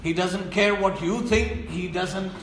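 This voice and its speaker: A man preaching a sermon in an emphatic, stern way, often sinking to a low voice to press a point. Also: steady tone, unhurried, a bit bright, roomy sound, a little hiss or hum, rough recording.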